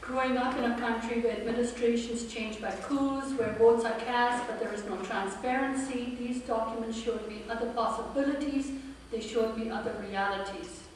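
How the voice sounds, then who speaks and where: A woman in her fifties, born in India and raised in Pakistan, giving an earnest, measured campaign speech with dry humor at a forum. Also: fairly high pitch, steady tone, slight background noise. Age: 50s. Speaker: political candidate. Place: forum room with an audience. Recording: echoey hall from far off.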